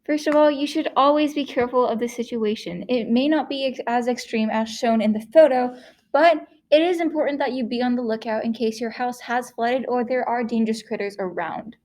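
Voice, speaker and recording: A woman's voice: a little high, brisk, a little mellow. A teenage girl reading a scripted class presentation, carefully, with small slips. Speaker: student presenter.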